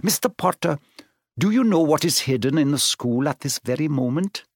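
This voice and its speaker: A man voicing a wise male centaur, speaking gravely and prophetically. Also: on the high side, lively intonation, normal speed, no echo, studio quality. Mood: solemn.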